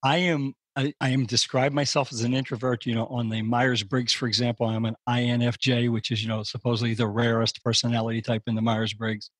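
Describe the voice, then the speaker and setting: Husky older man, thinking aloud. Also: a little fast, hardly any pauses, no room sound. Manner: reflective, thinks aloud, animated rises in pitch. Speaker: podcast guest, strategic advisor. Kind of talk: casual conversation.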